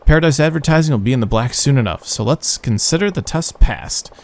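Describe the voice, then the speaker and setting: A man with a nasal, phlegmy morning voice reading the lines of a calm, generous male lender in a game. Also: medium pitch, a little fast, creaky, pitched above the performer's own voice. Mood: assured.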